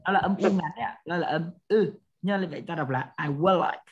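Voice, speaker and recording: A woman's voice: fairly low pitch, lively intonation, quick pace, highs cut off. A woman with a Vietnamese accent teaching an English lesson, explaining step by step and often checking with her students. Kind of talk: classroom lesson.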